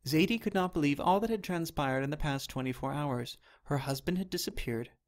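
Man, storybook narrator, fairly high voice, steady reading. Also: a little fast.

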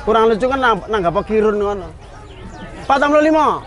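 A man with a Central Javanese accent selling lamps at an outdoor market, loudly joking and haggling prices down. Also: high voice, expressive. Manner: loud, joking, rapid counting and haggling. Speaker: street vendor selling lamps. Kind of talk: market sales patter, auctioning down prices.

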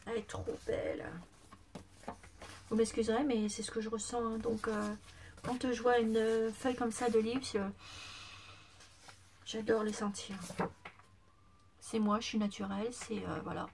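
A woman's voice: a little high, little pitch movement, normal speed, creaky, long pauses, darkish tone, a little hiss or hum. A woman showing off gifts she received in a casual vlog, gushing and exclaiming, sometimes dropping to a whisper, with a voice that is giving out. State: losing her voice. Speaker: craft vlogger. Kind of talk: casual unboxing chat to camera.

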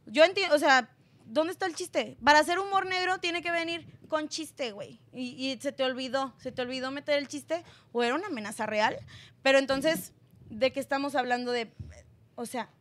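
Mexican woman gossip host, high voice, sarcastic, slangy, phone mic. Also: moderate pace, a bit bright. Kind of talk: celebrity gossip commentary.

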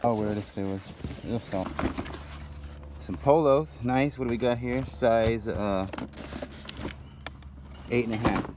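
A man's voice: mid-range voice, slow pace, pauses often, noisy background. A man giving upbeat running commentary while sorting and pricing items in a storage unit, filmed outdoors on a handheld phone. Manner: upbeat, appraising items aloud with prices. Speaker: storage auction vlogger.

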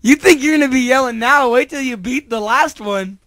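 A teenage boy with a very high voice chats over a headset call. He giggles a lot and keeps teasing and coaxing his friend through a game. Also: brisk, sharp tone. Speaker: recording host. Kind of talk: casual chat over voice call.

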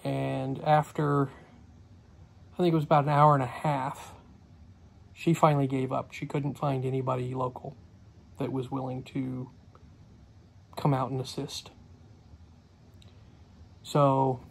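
This middle-aged homesteader recaps his day for his vlog in a rambling way, with many fillers, his phone camera close to his face in a small, cluttered room. His voice is medium-pitched, gravelly and level, a little slow, with long pauses.

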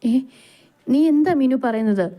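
A woman's voice: high-pitched, unhurried, warm tone, pitched above the performer's own voice. A woman doing a dreamy young heroine. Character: dreamy young woman in love, soft and distracted.

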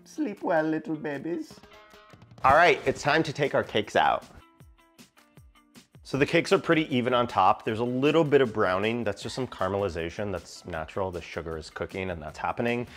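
A man's voice: on the low side, a little fast, fairly bright tone, soft background music. A man hosting a casual baking tutorial, talking in a chatty, playful way with lots of "like" fillers. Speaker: baking channel host.

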